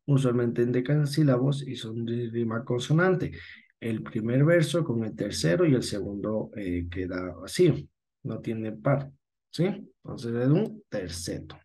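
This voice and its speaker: A man's voice: medium pitch, mellow. A man with an Ecuadorian Spanish accent, teaching a class patiently, often correcting himself and checking that students follow. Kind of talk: online class lesson.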